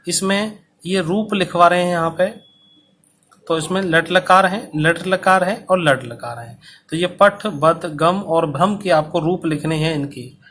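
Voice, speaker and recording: High, bright-voiced male teacher. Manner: slow, dictation-paced explanation. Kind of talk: Sanskrit lesson for school students. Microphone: recorded for online video.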